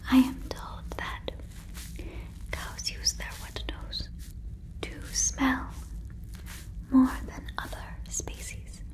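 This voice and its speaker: In an ASMR roleplay, a woman plays a gentle, curious, naive female alien, whispering breathily with stilted, formal, careful phrasing right up against a close fluffy microphone. Her high-pitched voice sounds tender and helpful, though the recording is rough.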